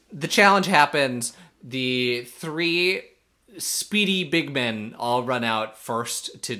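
A man's voice: medium pitch, sharp tone. A man co-hosting a podcast, recapping a reality show episode in casual, opinionated chat. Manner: opinionated, recaps events with quoted asides. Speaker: podcast co-host.

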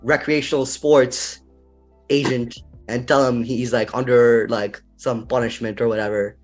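A young man hosting a podcast in casual chat, laid-back and quick to laugh, with lots of fillers. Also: mid-range voice, steady tone, faint music behind. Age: young adult. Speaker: podcast host.

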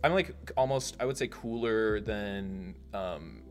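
A young man, a college student guest on a podcast, joking in a deadpan, mock-bragging way. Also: lowish voice, a little slow. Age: young adult. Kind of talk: casual banter. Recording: music playing faintly behind.

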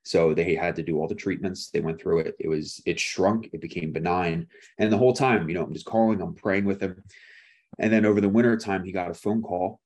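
A man's voice: low voice, fairly even intonation, fairly quick, darkish tone. A man preaching a sermon. He speaks casually and tells a personal story, with frequent "like" and restarts. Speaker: pastor.

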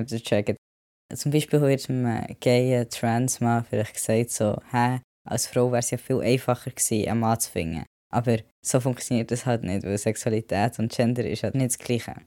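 Swiss german guy rambling casually on his vlog, warm mellow voice, tosses in english words. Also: mid-range voice, dry recording, studio quality. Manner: chatty, mixes in English words. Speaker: vlogger.

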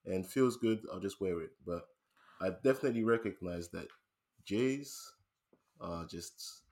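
A British man co-hosting a film podcast, chatting casually and animatedly, laughing often and dropping to a low murmur. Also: unhurried, darkish tone. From United Kingdom. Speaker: podcast co-host. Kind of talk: casual film review chat.

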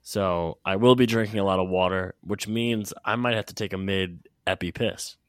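A man's voice: deep voice, steady tone, moderate pace, clean tone, dry recording, clean studio sound. A man co-hosting a casual sports podcast, sounding nasal while getting over a cold, joking and stammering into his sentences. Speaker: podcast co-host.

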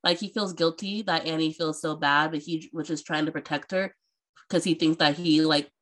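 A woman co-hosting a casual book podcast, animated and laughing often as she discusses chapters. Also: low-pitched, normal speed. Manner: animated, laughing, swearing freely.

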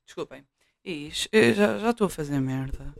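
A woman's voice: deep voice, expressive, moderate pace, gravelly, no echo, clean studio sound. A young woman with a European Portuguese accent, chatting casually in a home vlog and testing a new cheap microphone. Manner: chatty, scattered, frequent fillers and restarts. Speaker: vlogger. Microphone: new cheap USB mic, placement shifting.

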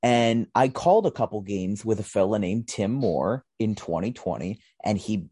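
A man's voice: fairly low pitch, animated, moderate pace, warm tone, breathy edge, no room sound, studio quality. A man hosting a podcast, chatting casually in a rambling way. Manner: rambling, many restarts and fillers. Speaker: podcast host. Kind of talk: casual chat.

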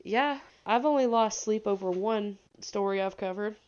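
A woman's voice: medium pitch, normal speed, darkish tone, muffled recording, slight background noise. A young woman from the American South with a Southern accent, co-hosting a podcast and telling a story in a rambling, giggly way. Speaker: podcast co-host. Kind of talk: casual chat.

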